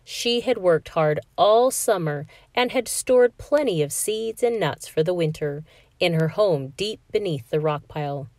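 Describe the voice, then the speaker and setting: A woman reading a children's picture book aloud in an expressive, sing-song storytelling manner. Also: fairly low pitch, measured pace, dry recording.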